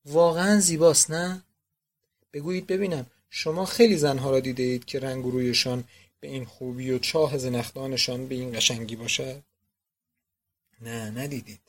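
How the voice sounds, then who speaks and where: A man's voice: medium pitch, level tone, natural voice. A man voicing a doting, emotional old father, speaking fervently and effusively.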